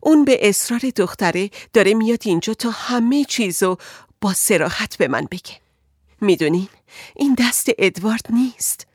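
A woman's voice: mid-range voice, expressive, darkish tone, husky, dry recording, clean studio sound. A woman voicing an anxious married woman who pleads and frets about her husband in an audiobook. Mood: distressed. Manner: agitated, pleading.

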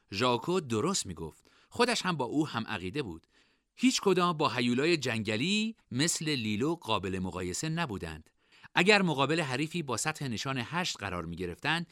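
A man narrates a fantasy novel as an audiobook in an expressive, varied storytelling style, his pitch rising and falling around a middle register. His tone is bright and forward. The scripted reading is recorded dry and close, with no room sound or echo.

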